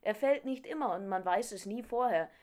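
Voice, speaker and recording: A woman reading a storybook, voicing a chatty, well-traveled talking songbird in a bright, explaining tone. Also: mid-range voice, normal speed, natural voice.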